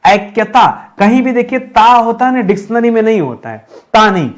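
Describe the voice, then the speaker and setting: A man's voice: very high voice, lively intonation, moderate pace. A man teaching an exam-prep Hindi grammar lesson. He spells each word out letter by letter, asks his own questions and answers them, and keeps addressing the viewers as friends. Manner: addresses viewers as friends, says "okay" often.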